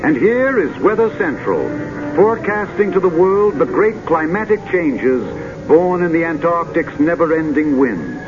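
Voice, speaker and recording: A man narrating in a grand, dramatic, measured old sci-fi announcer manner, like a vintage futurist documentary, with drawn-out poetic phrasing. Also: on the high side, big pitch swings. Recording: dull vintage film soundtrack with music.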